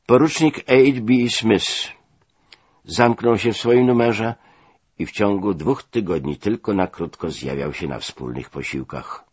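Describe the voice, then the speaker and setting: Low husky man reading a memoir. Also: unhurried, no room sound, highs cut off. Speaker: narrator.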